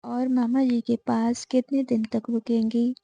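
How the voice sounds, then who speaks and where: Woman reading a gentle worried daughter-in-law. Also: on the high side, level tone, a little slow, vocal fry, slightly rough, no echo, exaggerated voice. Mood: pleading. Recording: dull lo-fi audio.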